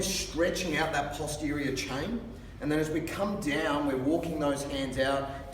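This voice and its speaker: A man working as a fitness instructor, explaining exercises in a careful, unhurried and encouraging manner. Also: a little high. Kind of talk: instructional exercise demonstration with coaching cues. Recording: distant mic, reverberant hall, background noise.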